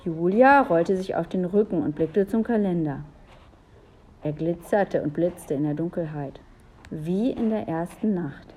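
Slow, calm woman reading a storybook. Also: fairly low pitch, slightly rough. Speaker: narrator.

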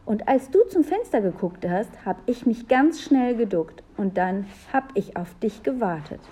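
A woman's voice: a little high, expressive, measured pace, dark tone, breathy edge, voice pushed up. A woman voicing a small, pleading and stubborn little boy in a storybook reading.

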